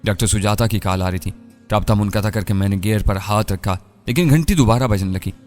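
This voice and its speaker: A man reading a novel aloud as narrator, in a steady, measured storytelling manner. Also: on the low side, big-room sound, soft background music. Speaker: audiobook narrator.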